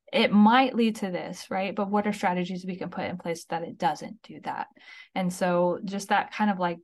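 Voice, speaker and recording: A woman's voice: mid-range voice, darkish tone. Chatty woman co-hosting a podcast. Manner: chatty, frequent "like" and "okay?" check-ins. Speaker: podcast co-host. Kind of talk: casual conversational advice.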